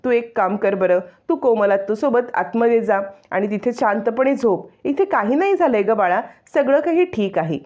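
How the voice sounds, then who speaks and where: A woman voicing a gentle young wife who pleads with her in-laws and soothes a child. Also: fairly high pitch, lively intonation, normal speed, few pauses, lo-fi sound, pitched above the performer's own voice, natural voice. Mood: soothing.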